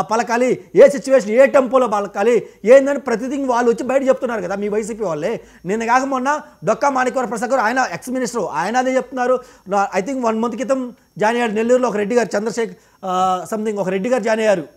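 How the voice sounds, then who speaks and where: Man, very high pitch, quick delivery, heated political debate, combative. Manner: combative, rapid-fire rhetorical questions. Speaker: debate panelist.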